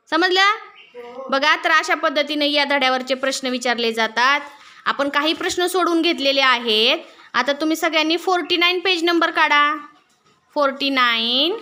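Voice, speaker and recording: A woman teaching a class, who explains each word slowly and drills the students with questions. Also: high voice, bright, forceful tone. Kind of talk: classroom lesson.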